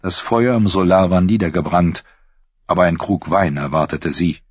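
A man narrating a fantasy audiobook in a low, husky voice with measured, even delivery. The sound is dry and slightly dull, as on a lo-fi recording. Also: no echo.

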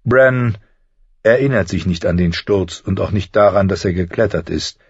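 Gentle learned adviser, voiced by a man, mild and explaining, low husky voice, slightly dull audio. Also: moderate pace, no room sound.

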